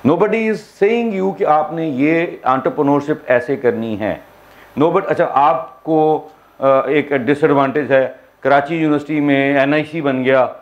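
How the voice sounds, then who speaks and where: Emphatic man giving a workshop. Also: fairly high pitch. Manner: emphatic, rhetorical questions, mixes English phrases into his talk. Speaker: workshop trainer. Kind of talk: workshop lecture. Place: university seminar hall.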